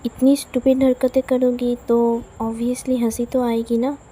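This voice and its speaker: A young wife who answers with dry, sharp-tongued jabs, spoken softly in a mellow voice, as a storyteller puts her on. The voice stays close to the reader's own. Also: fairly high pitch, little pitch movement, measured pace, slightly rough. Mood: wry. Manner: soft, wry retorts.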